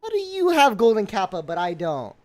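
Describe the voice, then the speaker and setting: A male streamer thanking his viewers for subscriptions in excited bursts, his voice strained from shouting. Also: high-pitched, a little fast. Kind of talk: excited live-stream chat.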